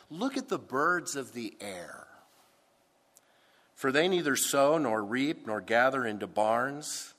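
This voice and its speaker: A pastor preaching a sermon into a pulpit microphone, with a deliberate, emphatic delivery. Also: male voice, mid-range voice, fairly bright tone. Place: church sanctuary. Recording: long church hall reverb.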